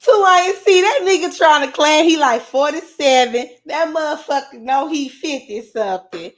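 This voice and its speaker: Brash, high-voiced woman livestreamer. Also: moderate pace. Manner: brash, profane and confrontational, answering chat comments. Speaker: livestream host. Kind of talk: casual livestream chat.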